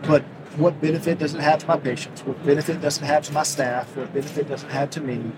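A man's voice: fairly high pitch, little pitch movement, fast. A man, an orthodontist, speaking earnestly in an interview and explaining his ideas through everyday analogies, recorded on an exhibit hall floor. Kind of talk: conversational interview. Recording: noisy trade show hall.

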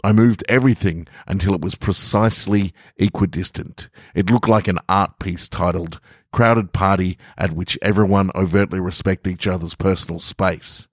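A deep, steady voice at normal speed belongs to an Australian podcast host and story reader whose lingering head cold is still audible. After a casual introduction, he moves into scripted narration of short stories, recorded in a studio with no echo.

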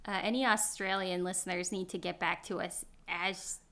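A woman's voice: lowish voice, steady tone, moderate pace, a crowd in the background. A woman co-hosting a casual podcast, teasing and laughing often. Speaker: podcast co-host. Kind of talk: casual chat.

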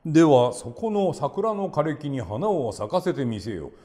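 A man voicing a proud, commanding feudal lord in a folk tale, loud and imperious. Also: a little high, sing-song, a little slow. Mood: grand. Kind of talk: storybook reading.

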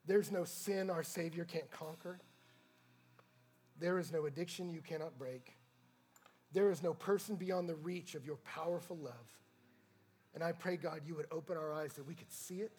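A man preaching a sermon as pastor, swinging between hushed, intimate passages and loud, impassioned ones, with a husky voice, on a stage mic in a church. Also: a little high. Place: church sanctuary.

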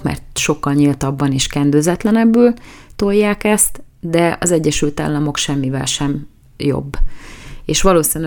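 A woman with a notably low voice delivers a current-affairs commentary monologue. She sounds opinionated and conversational, and she restarts phrases as she works out her argument. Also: a little mellow. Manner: opinionated, conversational, self-correcting.

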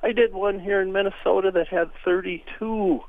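A man's voice: high voice, steady tone, normal speed, no echo. A man chatting on a radio show as a regular guest, telling folksy, joking stories about birds. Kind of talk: casual radio chat. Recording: phone-like line.

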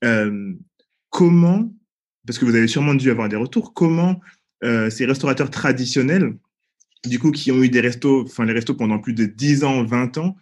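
A man from Paris co-hosts a casual podcast, his questions loose and full of slang. His voice sits at a middle pitch. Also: moderate pace. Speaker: podcast co-host.

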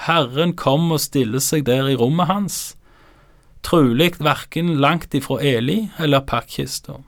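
A man acting as a Bible teacher, giving calm, explanatory commentary on scripture. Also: on the high side, dry recording, studio quality.

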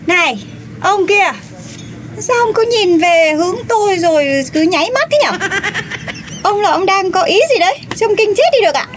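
A woman's voice: animated, normal speed, slight background noise. A woman voicing a brash, melodramatic young woman who wails and blusters in a comedic audio drama. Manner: shrill, theatrical, wailing.

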